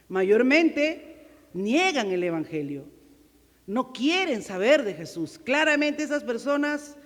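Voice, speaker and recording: A woman preacher giving an emphatic sermon, full of rhetorical questions and swings from loud to quiet. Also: a little high, long reverb tail.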